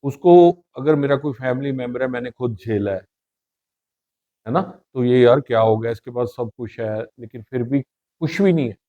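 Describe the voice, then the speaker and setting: A man's voice: medium pitch, mellow, muffled recording. A middle-aged man speaking as a guest in a casual interview, telling his views in an earnest, reflective way. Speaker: podcast guest.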